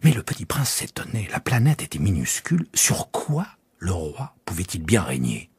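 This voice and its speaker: A man narrating a children's audiobook in an expressive, hushed way, often dropping near a whisper. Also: low voice, normal speed, husky, dry recording.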